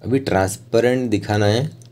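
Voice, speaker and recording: A man with an Indian accent talks through an art tutorial step by step, keeping it informal with short phrases and hesitant pauses. His voice sits in the mid range and is slightly mellow.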